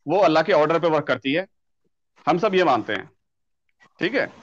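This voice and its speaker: A man's voice: a little high, expressive, normal speed, dull audio. A man debating online, explaining his view earnestly and defending it. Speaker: debate guest.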